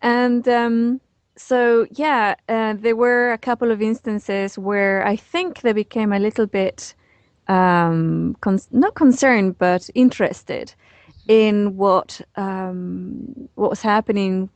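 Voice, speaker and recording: A woman's voice: medium pitch, slow pace, darkish tone, no room sound. Woman from Chile in her forties, interview guest, hesitant with many fillers, close dry mic. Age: 40s. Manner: hesitant, many fillers and restarts, laughs easily. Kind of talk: casual conversational storytelling.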